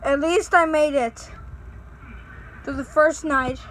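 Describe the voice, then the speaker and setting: A woman's voice: high-pitched, fairly even intonation, slow pace, a bit bright, a little hiss or hum, rough recording. A woman giving nervous let's play commentary, sounding scared and pleading with her fans. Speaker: gaming channel host.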